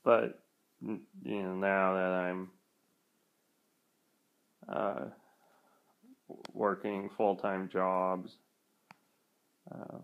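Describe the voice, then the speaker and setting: A young man talks to his vlog while feeling under the weather. His voice is low and heavily gravelly with fry. He speaks extremely slowly and haltingly, often trailing off mid-thought. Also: flat delivery, narrow, tinny audio. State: feeling sick, achy and nauseous. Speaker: vlogger. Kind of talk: casual vlog talk.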